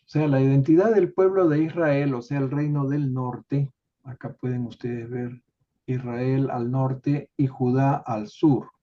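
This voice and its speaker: A man leading an online study group, explaining a text in an unhurried way with many tag questions, over a video call. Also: medium pitch, steady tone. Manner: unhurried, adds filler tags and restarts. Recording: dull lo-fi call audio.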